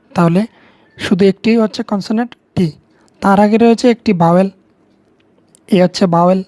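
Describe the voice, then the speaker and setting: A woman's voice: medium pitch, dark tone, no room sound. A woman with a Bengali accent, patiently explaining English grammar to students step by step, repeating key words. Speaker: teacher.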